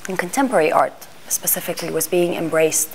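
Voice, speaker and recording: A middle-aged art fair panel organizer, originally Iranian and raised in Greece and Washington D.C., talks fast in an interview monologue, thoughtfully searching for words with many restarts and fillers. Her low, gravelly voice comes through a low-quality recording with a bit of hiss or hum.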